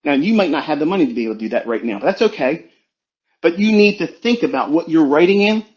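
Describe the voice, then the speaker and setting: A man's voice: on the high side, lively intonation, fast talker, a little mellow, muffled recording. A man coaching traders in a blunt, preachy, profane motivational talk on a live audio space. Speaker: trading coach.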